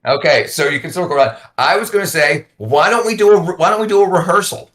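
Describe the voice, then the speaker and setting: A man's voice: high-pitched, quick pace, a bit bright. A man in his forties, a YouTuber guest in a casual talk, who rambles and repeats words as he thinks. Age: 40s. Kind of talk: casual conversation.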